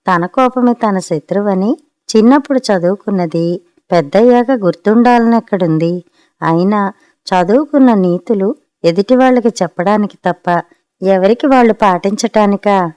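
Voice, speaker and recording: A woman reads a story aloud for an audiobook, calm and measured. Her voice has a middle pitch. It is recorded close on a studio mic, dry with no room echo. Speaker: narrator.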